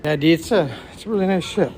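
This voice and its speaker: A man's voice: on the high side, gravelly, darkish tone, slight background noise. A man casually vlogging as he walks through a cruise ship, chatting to viewers as he goes. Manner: chatty, talks to viewers while walking. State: out of breath from climbing stairs. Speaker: travel vlogger. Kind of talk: casual walking vlog. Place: cruise ship interior, stairwells and lounges.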